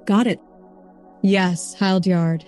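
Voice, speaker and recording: Woman playing a meek castle servant girl, deferential, storybook reading, mid-pitched, faint music. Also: fairly even intonation, slow, darkish tone, natural voice. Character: young castle serving woman, meek and obedient.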